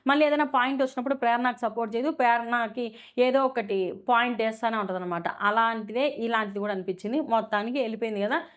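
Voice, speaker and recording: A woman's voice: on the high side, quick pace. A woman giving a casual, opinionated review of a reality show, full of fillers and rhetorical questions.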